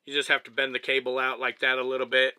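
In a dry recording, a Texan vlogger in his thirties talks fast in a smooth, mid-range voice. Sitting in his truck's small living cabin, he casually demonstrates his camera setup, chatting easily and going step by step while handling the gear.

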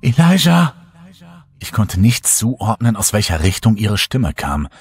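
A man reading a horror story aloud as a narrator, in a slow, hushed and dramatic style. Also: on the low side, lively intonation, slightly rough, dry recording, studio quality. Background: faint music.

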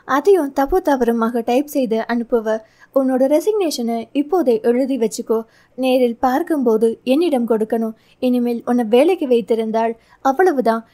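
A woman's voice: a little high, moderate pace, dark tone, close to an everyday voice. A woman reading the part of a stern, impatient male boss who scolds sarcastically, in a storybook reading. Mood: irritated scolding.

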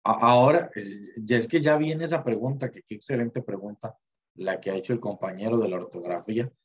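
A man's voice: lowish voice, a little fast, husky, lo-fi sound. A man teaching an online class in a chatty way, full of fillers and restarts, over a video call mic.

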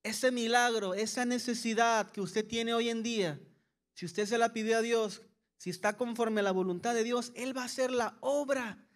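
A pastor delivers a sermon in a high, light voice. He acts out worried questions to God, then eases into gentle, reassuring answers. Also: normal speed. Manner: preaching with voiced-out anxious questions and soft calming asides.

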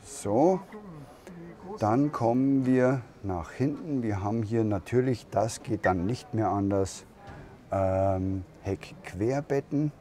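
A man giving a slow walkaround tour of a camper van at a trade fair, thinking aloud with pauses and fillers. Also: lowish voice, dark tone. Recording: crowd noise of a trade fair. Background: crowd chatter of a fair.

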